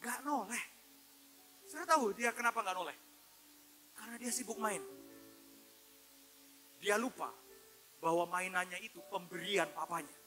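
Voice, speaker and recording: A man preaching a sermon as a pastor, animated, calling out to his listeners and acting out voices in his stories. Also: high voice, measured pace, long pauses, soft background music. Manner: animated, addresses listeners as "Pak" and "saudara"; acts out his son's and God's voices.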